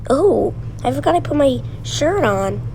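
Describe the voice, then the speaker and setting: A woman gameplay vlogger narrates her own play in a high-pitched, sing-song voice, speaking a little slowly. She chats casually, thinks aloud and scolds her in-game car over loud game car sounds, with a little hiss or hum in the recording.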